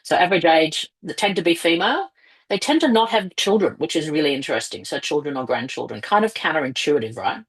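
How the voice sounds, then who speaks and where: A woman's voice: sits low, expressive, quick pace, husky, poor audio. A woman giving an online presentation about fundraising, her audio choppy and breaking up over a bad internet connection. She talks through the points with frequent fillers. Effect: choppy, breaking-up internet call audio. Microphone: headset on a video call.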